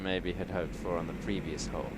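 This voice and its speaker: A man's voice: low-pitched, steady tone, fairly quick. A man doing live golf commentary with brief remarks on shots and players. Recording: loud crowd and outdoor noise.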